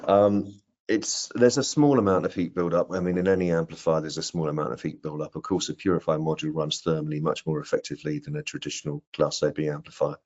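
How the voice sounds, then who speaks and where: Speaking in a brisk bass voice that's a little mellow and fairly even in intonation, a middle-aged product presenter fields technical audience questions over a video call. He's casual, from an indoor room, and tends to repeat words while explaining. The call mic makes the audio dull and band-limited.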